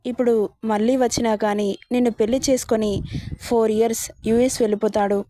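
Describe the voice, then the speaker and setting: A warm-hearted middle-aged mother coaxes and teases a tearful girl, voiced by a woman reading the story. Her voice sits fairly high and sounds dry and close. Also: steady tone, fairly quick, no room sound, close to an everyday voice. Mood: coaxing. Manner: coaxing, affectionate scolding. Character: middle-aged mother, gently teasing and kind.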